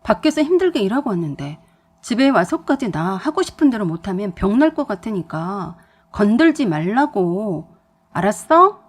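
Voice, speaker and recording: Woman voicing a shouting domineering husband. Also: mid-range voice, big pitch swings, moderate pace, slightly rough. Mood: angry shouting. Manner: loud and scolding.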